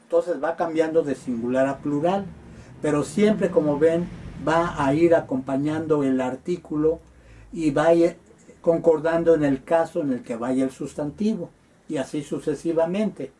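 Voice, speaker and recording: A man lecturing on Greek grammar, patiently spelling out word forms with frequent hesitant pauses. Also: a little high, warm tone. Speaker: Greek teacher.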